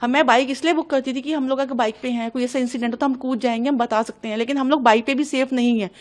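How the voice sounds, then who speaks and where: High-voiced young woman, urgent testimony. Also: fairly even intonation, darkish tone. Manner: urgent, agitated, hurried retelling. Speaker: interviewee recounting an incident. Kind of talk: emotional news testimony.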